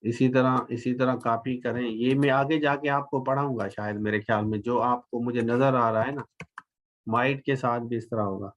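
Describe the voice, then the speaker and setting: A man's voice: medium pitch, steady tone, normal speed. An older man with a Pakistani accent teaching English in a live online class. He switches between Urdu-Hindi and English, repeats phrases and stretches out the example sentences. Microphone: computer microphone.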